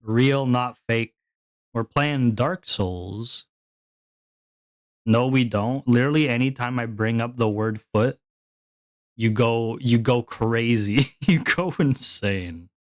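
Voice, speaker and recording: A man's voice: mid-range voice, takes it slowly, no room sound. A man streaming live who talks to his chat in a sarcastic, grumbling, exasperated way. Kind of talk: casual livestream chat.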